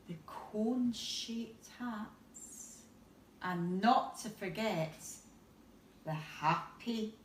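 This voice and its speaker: A high-pitched woman, a teacher, expressively reads a bedtime picture book to young children, lengthening words and adding little side comments. The distant recording carries roomy echo and a little hiss or hum.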